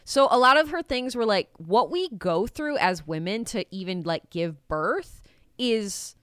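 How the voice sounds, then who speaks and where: Sarcastic young woman with a smooth, dry voice. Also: mid-range voice, lively intonation, fairly bright tone, no room sound. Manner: sarcastic, swears freely, mimics historical figures in quick asides. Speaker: podcast co-host presenting the episode's research. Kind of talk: casual comedic history chat. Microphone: video call.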